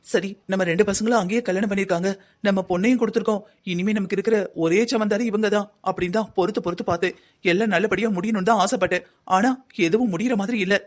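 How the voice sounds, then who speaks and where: A man's voice: high-pitched, steady tone, rapid-fire, natural voice. A man voicing a worried middle-aged mother in a Tamil cartoon drama, talking earnestly at length. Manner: earnest, lecturing.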